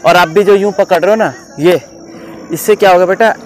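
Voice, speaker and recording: A man with a fairly high voice coaches students outdoors on how to take catches. He explains each step patiently and keeps checking that they have understood. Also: steady tone, brisk, a little hiss or hum, poor audio. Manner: instructive, repeatedly checks understanding. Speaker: cricket coach.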